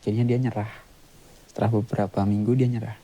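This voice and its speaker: A man talking as a podcast guest, retelling an eerie experience in halting, plain speech with short, clipped sentences. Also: lowish voice, flat delivery, warm tone, a little hiss or hum, rough recording. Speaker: guest storyteller, author. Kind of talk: casual spoken retelling of a ghost story.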